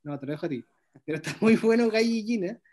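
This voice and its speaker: A man's voice: high voice, lively intonation, quick pace, a little mellow. Guy running an online drawing class, super enthusiastic, keeps praising and restarting his sentences, video call mic. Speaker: illustration workshop teacher. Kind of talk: online workshop, reviewing students' drawings.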